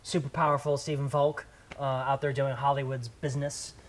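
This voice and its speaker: A man's voice: medium pitch, flat delivery, moderate pace, a little hiss or hum. A man hosting a comedy podcast, playfully hyping up his guest. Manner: playful, hype-building. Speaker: podcast host. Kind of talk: casual chat.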